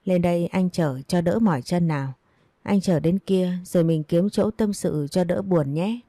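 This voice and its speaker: A woman's voice: lowish voice, moderate pace, dark tone, dry recording, clean studio sound. A woman reading a story, voicing a lecherous young man who talks in a wheedling, mocking way. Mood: sleazy.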